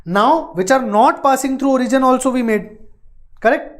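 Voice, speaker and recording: A woman's voice: high voice, moderate pace. A woman with an Indian accent teaching maths in a live online lesson, explaining step by step, repeating phrases and adding short check-in questions.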